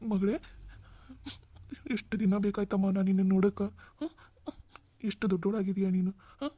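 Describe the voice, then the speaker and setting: A woman's voice: mid-range voice, level tone, normal speed, warm tone, slightly rough, no echo, lightly acted. A woman voicing a tearful middle-aged father in a cartoon, pleading with his daughter for forgiveness in an emotional way. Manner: emotional, pleading, tag questions. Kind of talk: Kannada cartoon voice acting.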